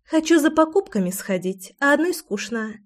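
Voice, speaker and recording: A woman's voice: high-pitched, lively intonation, moderate pace, voice pushed up. A woman reading a teasing, nosy young woman. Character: lively teasing young woman, curious meddler.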